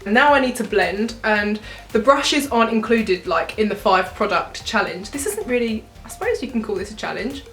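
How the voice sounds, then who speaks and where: A woman's voice: medium pitch, big pitch swings, moderate pace, fairly bright tone, echoey room, faint music behind. A young woman vlogger chatting casually and cheerfully through a makeup tutorial, with giggly asides. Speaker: beauty vlogger.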